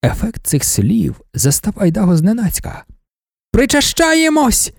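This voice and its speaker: A man narrating a novel with expressive, dramatic pacing. His voice sits fairly high for a man yet sounds dark and mellow. It carries a gravelly, husky texture and lively, wide-ranging pitch. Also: moderate pace, dry recording, studio quality. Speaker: audiobook narrator.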